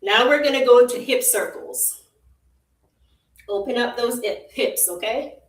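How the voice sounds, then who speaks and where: A fitness instructor with a Jamaican accent leads a live virtual workout, her fairly high voice animated and a little slow. She repeats short, encouraging cues and laughs easily, and the recording is roomy, with her distant from the mic.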